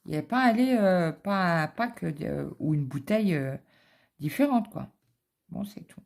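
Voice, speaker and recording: A woman's voice: lowish voice, creaky, darkish tone. A middle-aged woman, chatting casually and rambling through a story while she stitches in her home office. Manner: rambling anecdotal storytelling with many fillers. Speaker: cross-stitch vlogger.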